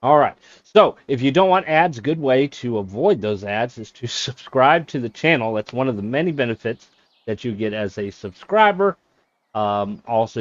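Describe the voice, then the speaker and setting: Rambling monotone male game streamer. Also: fairly low pitch, dry recording, muffled recording. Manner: self-described monotone, rambling with fillers. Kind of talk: casual live-stream chat. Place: small closet office.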